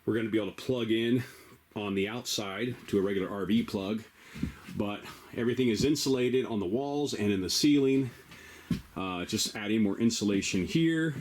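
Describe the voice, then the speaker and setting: A man's voice: lowish voice, moderate pace, darkish tone. A middle-aged man chatting casually to camera about his DIY project. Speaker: DIY vlogger. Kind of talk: casual build vlog talk. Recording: background noise.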